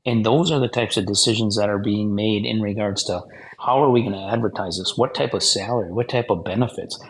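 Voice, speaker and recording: A man's voice: lowish voice, low-quality recording. A man who works as an aviation manager, methodically walking through his hiring process. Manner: methodical, lists points. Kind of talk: conversational interview answer.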